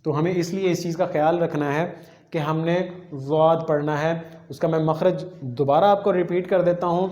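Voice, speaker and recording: A man teaching Quran letter pronunciation, explaining each sound patiently and repeating it slowly for the listener. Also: a little high, a little mellow, roomy sound, lo-fi sound. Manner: demonstrates sounds slowly and repeats them, often checks in with listeners. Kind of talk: patient step-by-step lesson.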